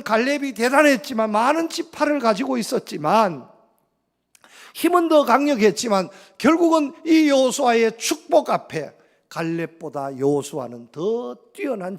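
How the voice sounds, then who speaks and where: A man's voice: sits high, vocal fry. A male pastor preaching a sermon, emphatic, with repeated phrases and rhetorical questions.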